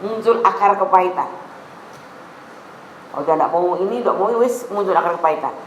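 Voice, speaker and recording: A woman's voice: lowish voice, brisk, muffled recording, slight background noise. Javanese-accented woman pastor preaching. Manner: lively, mixing in local Javanese phrases. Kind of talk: sermon. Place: church hall. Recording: echoey room with faint ambience.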